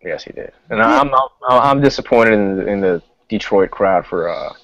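A man's voice: on the low side, lively intonation, normal speed, a bit bright, no room sound. A man co-hosting a casual wrestling chat podcast, airing indignant opinions. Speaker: podcast co-host. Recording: dull, dry lo-fi sound.

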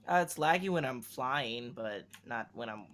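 A man's voice: mid-range voice, animated, normal speed, a bit bright, slight background noise. A man chatting casually with friends while playing a video game. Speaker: gamer in a group playthrough. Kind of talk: casual gaming chat.

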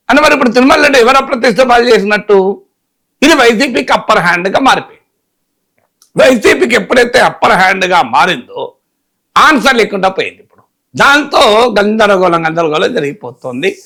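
High, bright-voiced male political analyst. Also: expressive, quick pace, creaky, pauses often. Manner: emphatic, fires rhetorical questions. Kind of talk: political commentary interview.

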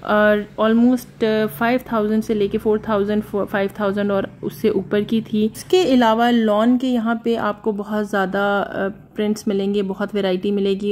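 A woman narrates a shopping vlog at medium pitch, sounding laid-back and chatty. She keeps pausing on filler sounds and working in English phrases, with a little noise in the background.

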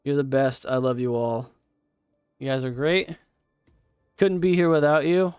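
A man's voice: mid-range voice, steady tone, measured pace, clean tone, no echo. A young man live-streaming a game, chatting casually with viewers, swearing and laughing as he plays. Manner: swears and laughs often, reacts loudly to gameplay.

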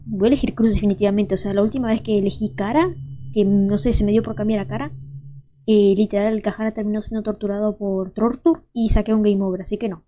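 Mellow-voiced woman narrating gameplay. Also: medium pitch, fairly even intonation, fast, slight background noise. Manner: chatty, thinks aloud and addresses viewers. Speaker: gaming channel host. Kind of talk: let's play commentary.

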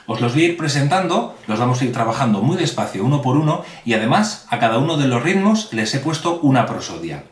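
A man teaching a hand-clapping rhythm in a video tutorial, speaking slowly and clearly and addressing viewers directly, indoors at a table. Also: mid-range voice, sing-song, far from the mic. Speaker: music teacher. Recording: roomy sound with music behind.

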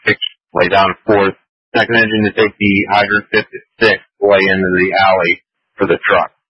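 A man's voice: fairly low pitch, level tone, normal speed, slightly rough, dry recording. A man relaying fire dispatch orders over two-way radio in terse, procedural phrases. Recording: dull lo-fi radio.

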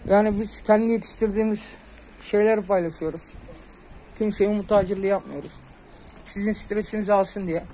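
A man's voice: high-pitched, steady tone, brisk, rough recording. Earnest man talking on a rooftop. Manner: earnest, advising, calls pigeons with soft hissing sounds. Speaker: pigeon keeper hosting his channel. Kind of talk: casual vlog talk to viewers. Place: outdoor rooftop with pigeon lofts.

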